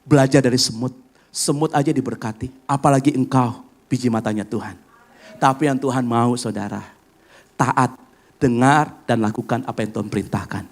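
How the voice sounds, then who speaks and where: A middle-aged man preaching a sermon as pastor, lively and acting out family conversations while addressing the congregation directly. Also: medium pitch, normal speed. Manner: animated preaching, acts out family dialogue, addresses congregation as "saudara".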